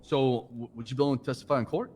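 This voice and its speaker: A man's voice: mid-range voice, fairly even intonation, darkish tone, husky. A man playing a police officer, talking earnestly and often stumbling over his words. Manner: earnest, halting, repeats himself. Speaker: police officer in a roleplay game. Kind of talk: in-character discussion.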